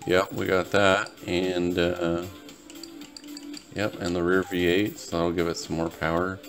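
A low, slightly bright voice with a level tone and unhurried pace comes from a gaming video host who is tired and fresh from sleep. Faint music plays behind his relaxed, rambling commentary to viewers.

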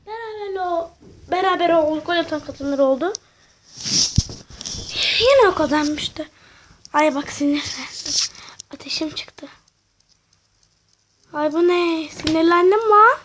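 A woman giving casual, excitable, slangy commentary while playing a video game, talking to herself. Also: very high-pitched, a little hiss or hum. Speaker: gamer.

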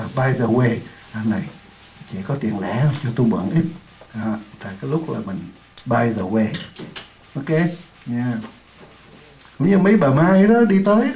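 A man teaching an English lesson in Vietnamese, repeating words slowly for a class to echo and adding chatty, joking asides. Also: mid-range voice, darkish tone. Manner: drills words slowly, many times over, for the class to repeat.

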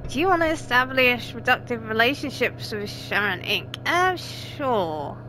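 A woman's voice: fairly high pitch, animated, unhurried, noisy background. Giggly young woman playing a game. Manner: giggly, chatty, exclaims at scares. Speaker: let's play gamer. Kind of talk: casual game commentary.

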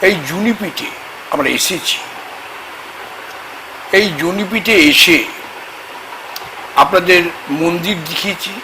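A man, a tantric astrologer, talking slowly and haltingly about faith at a temple, with sudden loud emphatic bursts. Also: sits high, background noise. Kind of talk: spoken religious talk to camera. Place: temple grounds, outdoors.

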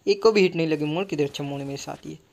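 A young man commentating his own mobile game live, excitable and talking to himself with frequent mild swearing. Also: fairly high pitch, racing, vocal fry. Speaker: gaming streamer.

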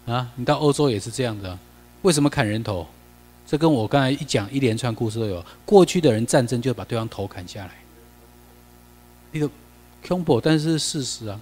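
A man's voice: mid-range voice, animated, brisk, darkish tone, slightly rough, big-room sound. A man with a Taiwanese accent giving a classroom lecture over slides. He talks in a chatty way, mixes in Taiwanese phrases and keeps asking the class questions.

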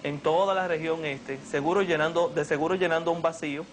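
A man's voice: fairly high pitch, fairly even intonation, a little fast, slight background noise. Formal young man interviewing. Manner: long, formal, elaborate questions. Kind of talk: TV interview questions. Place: living room.

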